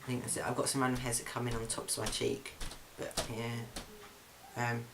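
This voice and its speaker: With a touch of vocal fry, a young man from England chats through a casual video diary in his flat, his mid-pitched voice fairly monotone. He speaks loosely, with frequent ums and restarts, over a faint hiss.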